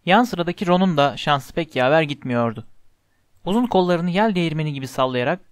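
A man narrating a storybook in an even, measured way. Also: on the high side, clean tone, no room sound, studio quality. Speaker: audiobook narrator.

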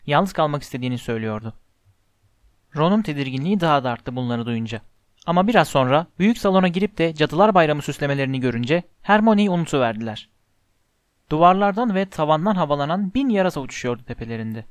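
A man narrating a storybook in an even, measured way. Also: on the high side, dry recording, clean studio sound. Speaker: audiobook narrator.

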